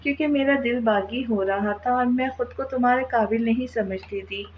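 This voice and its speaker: A woman voicing a shy, affectionate young wife in a storybook reading, soft and sheepish. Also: fairly high pitch, moderate pace, phone-quality sound, slight background noise, close to an everyday voice.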